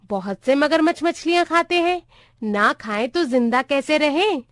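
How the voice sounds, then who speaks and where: A woman's voice: sits high, animated, a little slow, fairly bright tone, dry recording, studio quality. A woman voicing a hard-of-hearing old male office clerk who keeps getting things wrong in a storybook reading. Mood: muddled. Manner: confused, repeats things wrong.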